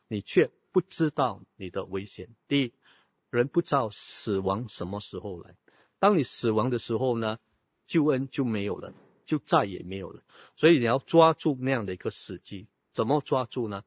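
Husky-voiced preacher. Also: male voice, medium pitch, no echo. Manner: emphatic, asks the congregation rhetorical questions; mixes in English words. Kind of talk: sermon. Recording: dull lo-fi sound.

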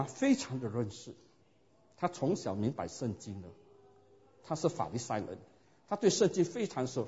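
A man preaching a sermon and telling his own story in a lively way, often asking his listeners rhetorical questions. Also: fairly high pitch. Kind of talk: sermon with personal testimony. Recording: dull lo-fi recording.

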